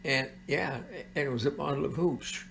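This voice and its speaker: An elderly man tells stories in a very gravelly grandpa voice at a middling pitch. He rambles informally and pauses often as he searches for words. The recording has faint background noise. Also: fairly bright tone. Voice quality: gravelly, creaky. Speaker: grandfather telling childhood stories. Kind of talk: informal oral storytelling.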